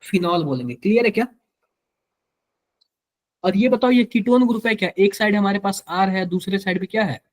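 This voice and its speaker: A man's voice: high voice, moderate pace, long pauses. A man with a Hindi accent teaching chemistry to a live class, quizzing students and repeating each answer to drill it in.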